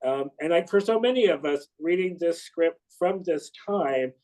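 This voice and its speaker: A man in his sixties interviewing, who speaks haltingly with many fillers and restarts. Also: fairly high pitch, lively intonation, a little mellow, poor audio. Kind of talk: conversational interview.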